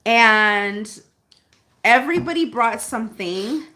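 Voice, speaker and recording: Giggly woman with a lively voice. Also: a little high, slow pace, slight background noise. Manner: giggly, laughs often. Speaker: vlog co-host. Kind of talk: casual live-stream chat.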